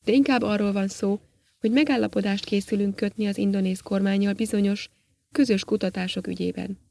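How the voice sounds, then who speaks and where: A woman's voice: mid-range voice, fairly even intonation, vocal fry, mellow. A woman reading an audiobook, voicing a formal older male professor who questions politely but insistently.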